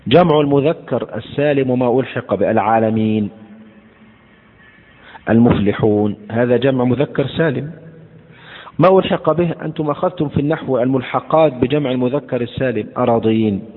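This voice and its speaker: Man lecturing on recitation over a tinny line. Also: medium pitch. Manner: slow, deliberate, repeats words to demonstrate pronunciation. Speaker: teacher of Quran recitation. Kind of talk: lecture explaining recitation rules. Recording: tinny phone-like lecture recording in a hall.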